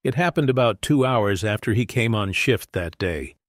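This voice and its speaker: A man narrating a first-person story in a plain, steady reading voice. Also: fairly low pitch, normal speed, dry recording, clean studio sound. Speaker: audiobook narrator.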